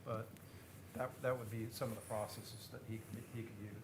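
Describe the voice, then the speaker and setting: A man's voice: on the low side, little pitch movement, a little fast, background noise. An American man speaking as a city attorney, explaining procedure and questioning in plain, fairly informal words. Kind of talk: legal explanation and witness questioning. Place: public hearing room.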